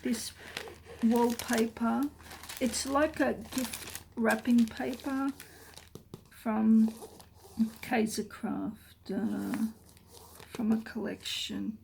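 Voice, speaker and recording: A woman, chatting casually as she shows her craft journal, rambling and often trailing into soft murmurs. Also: on the high side, steady tone, drawn-out words, vocal fry, pauses often. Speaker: craft vlogger. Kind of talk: casual show-and-tell. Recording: noisy room with paper crinkling.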